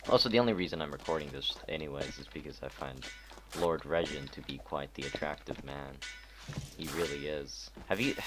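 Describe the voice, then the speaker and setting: Young gamer, low voice, casual profane rambling commentary. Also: male voice. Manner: profane, rambling, self-deprecating.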